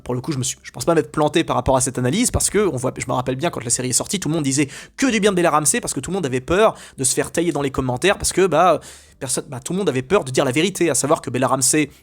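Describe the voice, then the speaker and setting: A man giving opinionated, casual commentary as a video host, ranting with many fillers and restarts. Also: on the high side.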